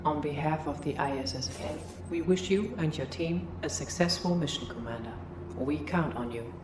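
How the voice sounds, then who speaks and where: A woman voicing a female computer system that delivers a formal mission briefing in a measured, official manner. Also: sits low, background noise. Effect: computer system announcement voice. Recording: roomy echo with music underneath, game audio. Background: game soundtrack music.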